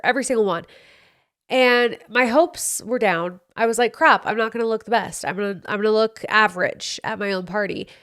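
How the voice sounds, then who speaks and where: Her voice medium in pitch and a bit bright, a young woman runs her own podcast, chatting playfully and openly about how her week went. It's a casual solo show recorded on a studio mic, and she sounds somewhat congested.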